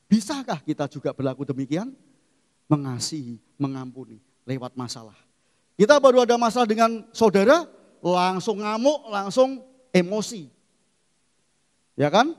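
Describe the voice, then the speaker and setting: A middle-aged male pastor preaching a sermon, emphatic and swinging from quiet asides to loud exclamations. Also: fairly high pitch. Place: church hall. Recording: long church hall reverb.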